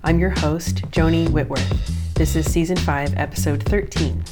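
A woman's voice: sits low, steady tone, moderate pace. A woman hosting a podcast, reading an upbeat scripted introduction with enthusiasm. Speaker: podcast host. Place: based in a northwestern US city. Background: music bed.

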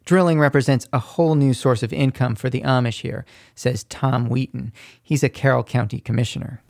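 A man narrating a scripted radio feature report in a measured, descriptive way. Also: medium pitch, fairly even intonation, creaky, a little mellow, no echo, studio quality.

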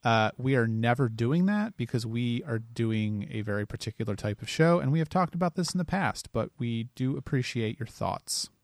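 A man's voice: medium pitch, animated, moderate pace, hardly any pauses. A man co-hosting a casual podcast, chatting plainly and reading out listener reviews. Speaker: podcast co-host.

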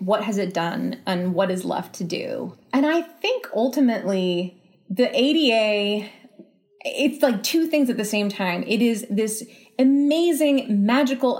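A writer being interviewed answers thoughtfully and conversationally, reasoning aloud and repeating and rephrasing herself as she explores ideas. Her voice is medium in pitch with a darkish tone.

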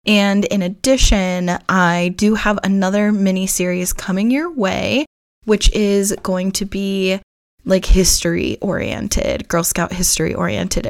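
A woman hosting her own podcast, slightly hoarse from losing her voice, explaining things in a chatty way with frequent "like" fillers. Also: on the low side, no echo, clean studio sound. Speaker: podcast host. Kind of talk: casual solo podcast talk.

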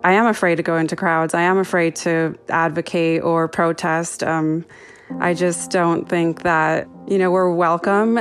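Woman in her 30s, low flat voice, hesitant and fearful, faint music under. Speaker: interviewee. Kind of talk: personal testimony.

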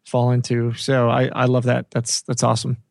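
A man with a mid-pitched voice hosts a podcast casually. He talks conversationally to guest and listeners, and the sound is very dry. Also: completely flat delivery, normal speed, creaky, a little mellow, no echo. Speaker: podcast host.

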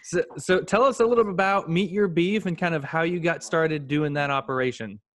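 A man's voice: on the high side, fairly quick. A man hosting a podcast, speaking in an upbeat, enthusiastic way as he introduces and interviews a guest. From United States. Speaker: podcast host.

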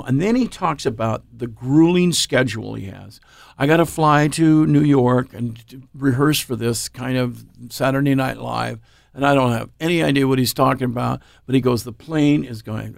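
Gravelly man telling a lively story. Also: mid-range voice, no echo, clean studio sound. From Oregon, United States. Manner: animated anecdote-teller who acts out quoted dialogue. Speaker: interview guest, blues musician. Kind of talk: casual storytelling.

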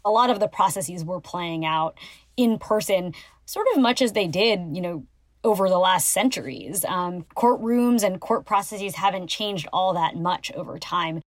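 A woman's voice: fairly low pitch, measured pace, no echo. A woman lawyer and researcher explaining her subject as an interview guest.

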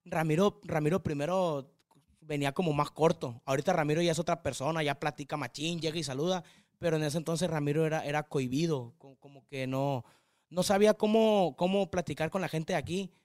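Energetic Sinaloan man, higher voice. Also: no echo, clean studio sound. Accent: northwestern Mexican, Sinaloa. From Mazatlán, Mexico. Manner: energetic, hyperactive, rapid rambling talk. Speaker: podcast guest, drummer. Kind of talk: casual chat.

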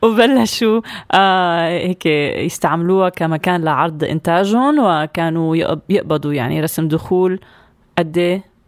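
A woman with a Syrian Arabic accent co-hosting a show in casual, chatty storytelling, often pausing to think aloud. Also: on the low side, no echo, clean studio sound. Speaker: co-host of a show about Syrian towns. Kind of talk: casual conversational storytelling with co-host.

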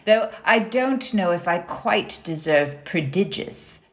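A woman's voice: lowish voice, lively intonation, slow. An actress playing a refined, somewhat haughty woman novelist ghost who is prim and mildly scolding. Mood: genteel.

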